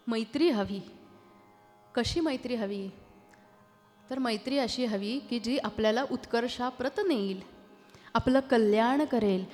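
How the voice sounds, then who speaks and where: A woman with a Marathi accent performing a devotional kirtan in a temple, a lively talk that breaks into sung verses and teases the audience into answering back. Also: fairly high pitch. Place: temple hall. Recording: reverberant hall with faint music.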